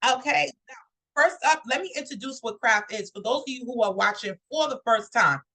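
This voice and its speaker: A woman's voice: fairly high pitch, expressive, fairly quick, sharp tone, poor audio. A woman from New York hosting a live online talk show, upbeat and chatty, speaking straight to her viewers. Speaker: host.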